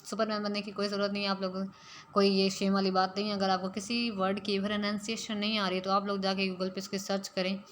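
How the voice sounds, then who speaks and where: A woman's voice: mid-range voice, little pitch movement, fast talker, slight background noise. A woman teaching spoken English, explaining step by step and slipping English phrases into her talk.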